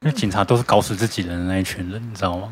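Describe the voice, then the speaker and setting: A woman's voice: extremely low pitch, very fast, darkish tone. A woman with a Taiwanese Mandarin accent chatting casually in a group, her words a little slurred and indistinct from wearing braces. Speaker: podcast panelist, police officer.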